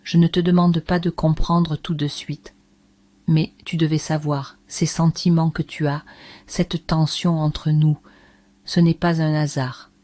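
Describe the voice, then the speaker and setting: A woman voicing a 65-year-old aunt who speaks calmly and steadily, with quiet resignation. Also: deep voice, no echo. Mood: calm intimate. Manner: calm, measured, intimate.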